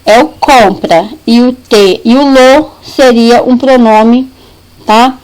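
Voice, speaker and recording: A woman's voice: on the high side, takes it slowly, a little mellow, poor audio. A woman teaching a recorded lesson, patiently repeating points and checking that students understand.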